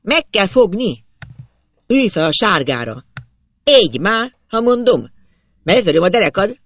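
A reader acting out a furious farmer father hollering orders in a storybook. The voice rises loud and gravelly, close and dry. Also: mid-range voice, sing-song, dry recording, pitched above the performer's own voice. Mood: angry. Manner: barking orders. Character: angry shouting farmer father.

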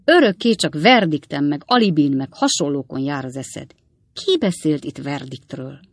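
A woman voicing a brisk, cheeky young male manservant talking to his father. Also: low voice, very animated, no room sound, clean studio sound, full character voice. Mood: teasing.

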